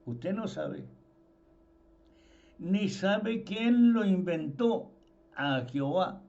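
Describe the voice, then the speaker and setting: This preacher's voice is high for a man and darkish in tone, and he delivers his informal sermon slowly but in an animated way. Repeated words carry his emphasis, all through dull, lo-fi audio.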